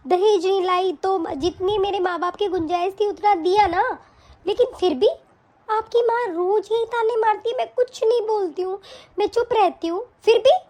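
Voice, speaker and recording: A woman's voice: very high-pitched, normal speed. A woman voicing a young, put-upon daughter-in-law in a cartoon, pleading and hurt. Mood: fed up. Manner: pleading, soft-spoken. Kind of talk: cartoon voice acting.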